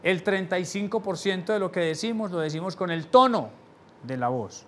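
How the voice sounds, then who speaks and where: A man teaching a live sales seminar. He asks the audience rhetorical questions and drops his voice low to stress key points. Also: normal speed. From Latin America. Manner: animated, shifts volume for emphasis, drops voice low on key points. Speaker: sales trainer.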